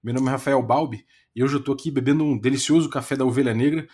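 A man's voice: medium pitch, fairly even intonation, fast, darkish tone, husky. A man with a Brazilian Portuguese accent hosting a podcast in an informal, slangy, chatty way. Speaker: podcast host.

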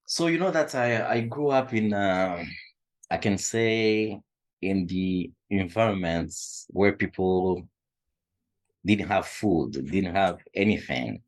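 Answering interview questions, the middle-aged supervisor of a food shelf, originally from the Democratic Republic of the Congo, speaks slowly in a low-pitched voice. English isn't his first language, and he hesitates and restarts often.

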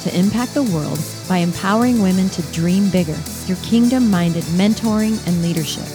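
A woman's voice: on the low side, moderate pace. Woman announcing a podcast intro over music. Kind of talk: scripted show intro.

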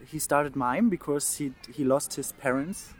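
A man in his thirties from Saxony in East Germany speaks in a fairly high, unhurried voice. A native German speaker with a German accent, he is a mime artist appearing as a guest in a casual interview, talking earnestly while often restarting words and laughing.

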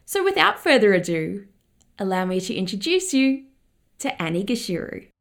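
A woman of medium pitch hosts an interview. She talks informally and effusively, as if chatting with a new friend. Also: sing-song, normal speed, soft background music. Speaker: podcast host, interviewer. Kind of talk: conversational interview hosting.

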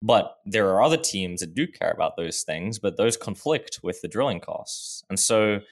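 A man's voice: on the low side, animated, moderate pace. A man in his twenties, a startup founder guest in a casual podcast interview, explaining his work with frequent restarts and fillers. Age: 20s.

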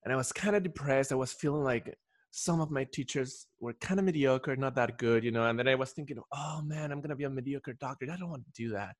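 This Ecuadorian podcast guest swaps casual stories, wandering off and restarting often. His medium-pitched voice moves at a quick pace, captured in a clean studio with no room sound.

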